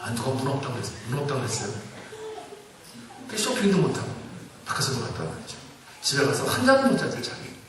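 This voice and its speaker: A man's voice: medium pitch, wildly swooping pitch, quick pace, long pauses. A man in his sixties, a church elder, giving a humorous talk to a congregation, telling stories and asking the audience questions. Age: 60s. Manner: jokey storytelling, asks the audience questions. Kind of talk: humorous sermon-lecture to a congregation. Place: large church sanctuary. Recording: very echoey hall, mic far off, noisy.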